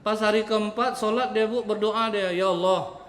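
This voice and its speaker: A man's voice: high-pitched, level tone, normal speed, fairly bright tone. Man preaching with humor. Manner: humorous, conversational, repeatedly addressing the audience. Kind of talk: storytelling sermon. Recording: hall reverb, faint background ambience.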